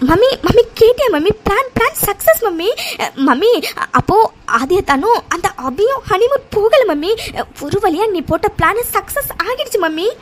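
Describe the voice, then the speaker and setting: Cartoon brat, spoiled jealous young woman, slightly high and whiny, voiced by a woman. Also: a little fast, natural voice. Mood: gleeful. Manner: whiny, pleading with her mother. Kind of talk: cartoon dubbing.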